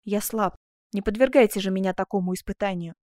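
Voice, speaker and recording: A woman's voice: mid-range voice, brisk, a little mellow, dry recording, studio quality, natural voice. A woman reading the part of a bewildered young man in an audiobook, speaking in an agitated, pleading way. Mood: torn, pleading.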